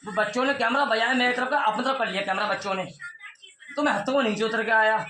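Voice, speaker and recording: A man's voice: high-pitched, quick pace, pushed and bright, echoey room, a little hiss or hum. A man telling his side of a family dispute, heated and pleading, repeating his points. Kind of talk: emotional personal account.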